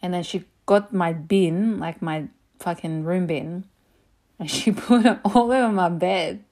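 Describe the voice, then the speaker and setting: A woman telling personal stories in a casual, animated way, swearing freely and saying "like" a lot. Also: on the low side, measured pace. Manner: animated, profane, lots of "like". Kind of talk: casual storytelling.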